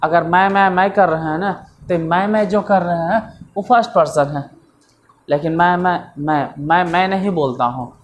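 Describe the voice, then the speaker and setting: A man's voice: high-pitched, moderate pace. Guy teaching grammar, chatty, repeats himself a lot, bit of background noise. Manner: chatty, repetitive, self-mocking. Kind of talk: casual grammar lesson.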